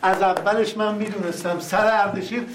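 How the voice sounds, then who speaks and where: A man's voice: sits high, fairly even intonation, a bit bright, slight background noise. An actor playing a bossy, meddling father-in-law who scolds and insists, repeating himself in a comedy-drama series. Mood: coaxing. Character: meddling, blustering middle-aged father-in-law.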